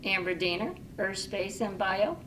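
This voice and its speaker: A woman science teacher reading a Mad Lib aloud in a soft, unhurried, dry way. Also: mid-range voice, animated. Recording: distant mic with faint background noise.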